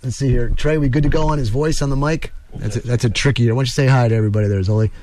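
A man's voice: medium pitch, steady tone, racing, a little mellow. A man hosting a casual radio talk show, loose and jokey, rambling from one point to the next. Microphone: studio microphone.

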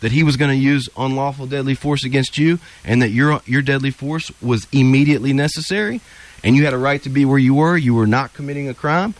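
A man's voice: medium pitch, fairly quick, no room sound. A man, an attorney guest on a call-in radio show, explaining self-defense law earnestly and repeating key points as he goes.

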